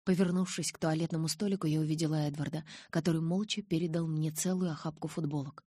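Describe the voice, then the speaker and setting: Low, husky woman reading an audiobook. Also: fairly even intonation, fast, dark tone, no echo, clean studio sound. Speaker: audiobook narrator. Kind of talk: first-person audiobook narration.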